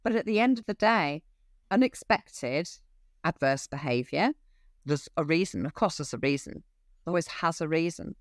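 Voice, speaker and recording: A middle-aged woman, an equine behaviour expert, talking casually in an interview, animated and acting out little dialogues with frequent restarts. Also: low-pitched, normal speed, no room sound. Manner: animated, acts out quoted dialogue, many restarts.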